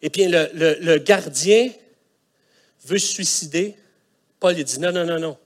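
A middle-aged man with a Quebec French accent, preaching a sermon as a colloquial, animated story with vocal sound effects. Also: on the high side, a little slow. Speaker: pastor.

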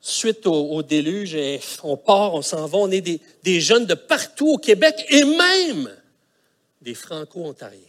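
A middle-aged man with a Quebec French accent, preaching a sermon as a colloquial, animated story with vocal sound effects. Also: sits high, unhurried. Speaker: pastor.

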